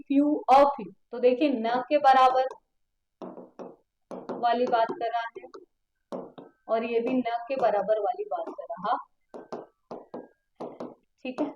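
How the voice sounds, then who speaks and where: A woman coaches exam students through practice questions, repeating key terms and posing questions back to them. Her voice sits high, and she takes her time. The room around her echoes noticeably. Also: a little mellow, lo-fi sound. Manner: explains step by step, repeats key words, quizzes students with questions. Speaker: exam prep teacher. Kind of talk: online exam coaching lesson.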